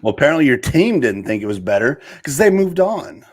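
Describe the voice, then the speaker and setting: A man co-hosting a casual sports talk show, excitable, swinging from loud outbursts to mumbled asides. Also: fairly high pitch, fairly quick. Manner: excitable, jumps between shouting and mumbling. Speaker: podcast co-host.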